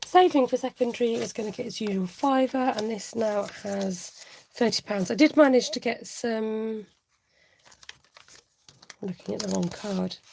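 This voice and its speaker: A woman's voice: fairly high pitch, normal speed, creaky, darkish tone, slight background noise. A woman in her forties chatting casually on a budgeting livestream, giggly and reading out viewer comments.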